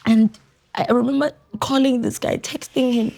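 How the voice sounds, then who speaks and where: A young woman with a South African accent telling a personal story as a podcast guest, quiet and reflective, switching between Zulu and English. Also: fairly high pitch, steady tone, normal speed, vocal fry. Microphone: studio podcast mic.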